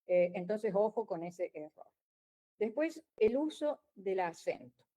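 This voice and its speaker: A woman's voice: mid-range voice, expressive, a little slow, dark tone, rough recording. A woman giving a conference lecture as a geologist, explaining in a wry way with frequent restarts. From Argentina.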